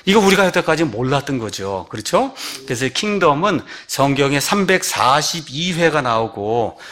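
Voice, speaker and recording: A man's voice: sing-song, normal speed. Emphatic Korean-speaking male preacher. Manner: keeps asking the congregation rhetorical questions; swings between raised emphatic phrases and low, quiet endings. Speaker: pastor. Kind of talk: sermon.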